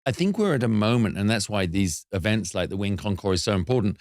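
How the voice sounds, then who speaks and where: A man hosts an interview from a studio, his voice sitting on the low side. He speaks earnestly and reflectively, and the recording is close and dry with no room sound. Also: lively intonation, fast, a little mellow, dry recording. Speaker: show host. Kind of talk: casual interview chat.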